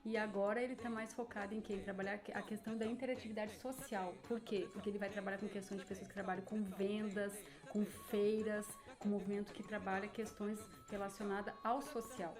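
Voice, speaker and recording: A woman's voice: mid-range voice, flat delivery, a little fast, hardly any pauses, music in the background. A woman presenting in a seminar, explaining theory and asking herself rhetorical questions. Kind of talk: academic explanation.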